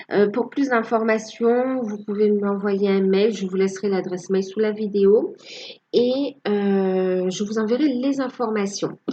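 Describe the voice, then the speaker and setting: A woman's voice: medium pitch, dark tone, lo-fi sound. A woman giving a casual tarot reading to her viewers, hesitant and full of fillers. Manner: hesitant, many fillers, tags with "hein". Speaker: tarot card reader.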